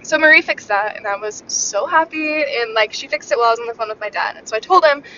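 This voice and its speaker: Rambling young woman, bright voice. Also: quick pace. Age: young adult. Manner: rambling, filler-heavy, wry storytelling. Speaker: podcast host, student. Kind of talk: casual chat. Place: in a moving car. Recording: muffled lo-fi car recording. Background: faint vehicle rumble.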